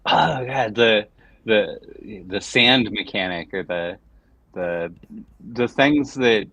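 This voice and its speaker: A middle-aged man co-hosting a casual gaming livestream, rambling with halting, repeated words as he chats and reads game text aloud. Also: lowish voice, a bit bright, no echo. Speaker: livestream co-host.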